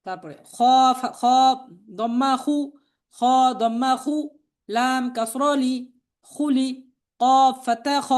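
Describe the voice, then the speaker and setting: A woman with a Bangladeshi Bengali accent leads a patient spelling drill, naming each letter and vowel and repeating every syllable. Her voice sits high and she takes it slowly. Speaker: Quran reading teacher. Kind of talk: slow spelling drill lesson.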